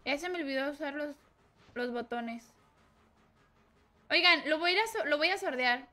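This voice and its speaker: A woman with a Mexican accent streaming a game live, excitable and swearing as she reacts to the play. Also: sits high, moderate pace. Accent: Mexican Spanish. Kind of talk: live gameplay commentary.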